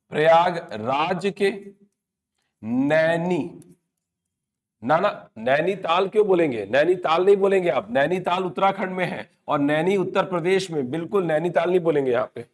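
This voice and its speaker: Man teaching an exam-prep lesson in a slightly high voice. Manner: asks questions and answers them himself, repeats key points. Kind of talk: exam-prep classroom lecture.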